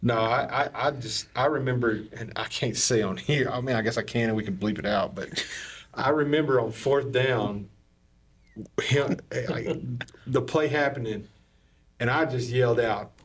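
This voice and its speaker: A man chatting casually on a podcast, animated and laughing through stories. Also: medium pitch, moderate pace. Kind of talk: casual chat.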